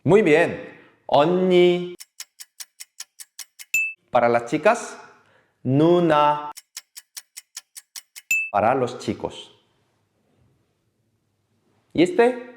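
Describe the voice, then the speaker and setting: Lively man teaching a class. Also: medium pitch, slow pace, pauses often. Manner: lively, patient, repeats words for the class to echo. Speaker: Korean language teacher. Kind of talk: online language lesson. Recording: echoey room with faint noise.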